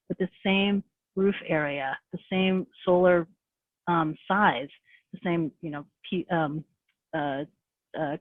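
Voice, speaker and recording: A woman giving a fast, casual presentation over a video call, full of fillers and restarts. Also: fairly low pitch, no echo. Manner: rapid, conversational, many fillers. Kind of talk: webinar presentation. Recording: tinny phone-like call audio.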